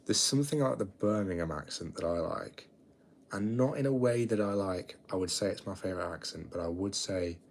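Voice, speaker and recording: A twenty-year-old man with a British accent, hosting a chatty, low-key late-night livestream and rambling with frequent restarts. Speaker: livestream host.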